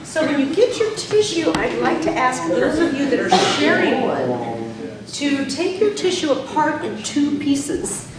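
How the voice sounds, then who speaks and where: In a club meeting room, a female speech coach teaches a speaking workshop, stretching syllables out as she demonstrates. Her high voice swings widely in pitch and moves a little slowly. The audio is echoey, distant from the mic, and noisy with a loud crowd.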